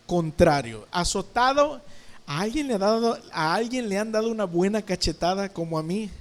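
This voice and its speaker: Preaching a sermon in church, a male pastor speaks in a high voice and keeps putting questions to the congregation. Sudden sound words bring his scenes vividly to life.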